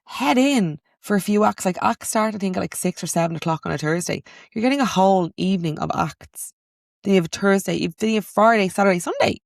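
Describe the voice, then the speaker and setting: A woman's voice: mid-range voice, creaky, dry recording. Chatty young Irish woman, dry close sound. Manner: chatty storytelling, quick asides, animated outbursts. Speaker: podcast host. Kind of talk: casual chat.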